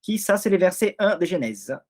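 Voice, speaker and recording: A man's voice: sits high, sing-song, normal speed, a little mellow. A man with a non-native accent leading an informal Bible study, explaining step by step and often checking that his listeners follow.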